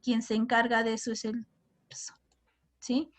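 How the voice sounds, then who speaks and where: A woman's voice: fairly high pitch, monotone, moderate pace. A young woman teacher, explaining to her class and asking them questions often. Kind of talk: classroom lesson.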